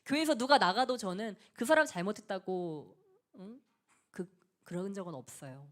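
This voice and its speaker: Woman pastor preaching, earnest and soft. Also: medium pitch, lively intonation, moderate pace. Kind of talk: sermon.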